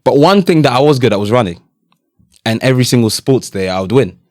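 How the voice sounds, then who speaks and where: A man's voice: mid-range voice, lively intonation, fast, a little mellow, no echo, clean studio sound. A young man born in Italy, speaking, candidly telling his life story as an interview guest. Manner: candid, storytelling, slang-laced. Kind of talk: casual interview.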